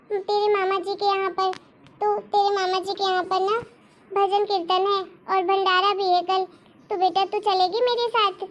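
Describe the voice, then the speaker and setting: A woman voicing a gentle, patient mother who softly coaxes her family in a cartoon story. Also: very high-pitched, lo-fi sound, a little hiss or hum. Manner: soft, coaxing, patient. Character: gentle pleading middle-aged Indian mother. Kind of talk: cartoon voice acting.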